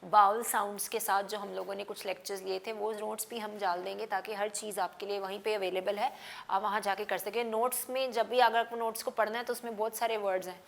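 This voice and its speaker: A woman's voice: medium pitch, level tone, fairly quick, creaky. Woman teacher sounding out phonics. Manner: spells words out letter by letter, sounding out phonics; mixes Hindi-Urdu with English phrases. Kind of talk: classroom phonics lesson.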